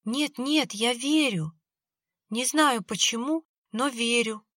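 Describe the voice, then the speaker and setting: A woman voicing a little girl who talks softly and haltingly as if in a dream. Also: a little high, dry recording, clean studio sound, voice pushed up. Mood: dreamy, faint.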